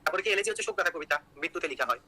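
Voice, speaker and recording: A young man teaches an online exam-prep class at a rapid clip, joking as he goes and constantly checking that his students follow. His voice is bright and tense, a little higher than most men's, and he talks very fast. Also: lively intonation, low-quality recording. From Bangladesh. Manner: rapid, joking, repeats key points with "ঠিক আছে?".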